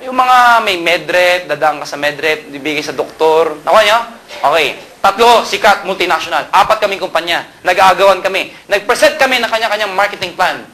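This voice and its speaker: A man's voice: sits high, a little hiss or hum. A man in his thirties from Pangasinan in the Philippines, a company co-owner giving a humorous sales talk and firing rhetorical questions at his audience. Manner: animated joking storyteller, fires rhetorical questions at the audience.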